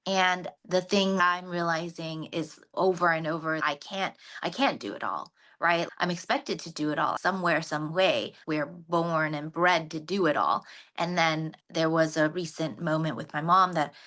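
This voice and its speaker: A woman's voice: low-pitched, normal speed, fairly bright tone. A woman sharing earnestly and reflectively in a women's circle, often restarting mid-thought. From grew up in the US, born in Japan. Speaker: panel participant.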